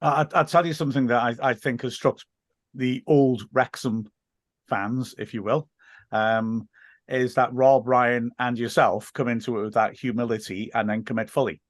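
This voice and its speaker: Regular guy interviewer, medium pitch, earnest halting chat, very dry sound. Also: steady tone, no room sound. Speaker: interviewer, football fan. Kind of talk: casual conversation.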